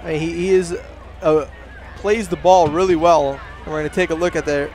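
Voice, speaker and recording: Male color commentator, relaxed and halting, slightly high voice, light crowd noise. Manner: casual, halting, lots of fillers. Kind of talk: live high school football commentary.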